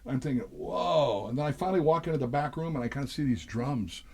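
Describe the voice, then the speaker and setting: An older man, a session drummer, telling rambling stories in a relaxed interview, with many fillers and restarts. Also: medium pitch, rapid-fire. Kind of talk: storytelling interview chat.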